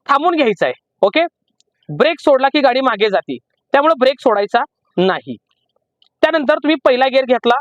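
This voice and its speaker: High-voiced Marathi driving instructor in a car. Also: male voice, fairly bright tone, no echo, muffled recording. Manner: repetitive, slow emphatic teaching. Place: inside a parked car. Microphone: camera in the car.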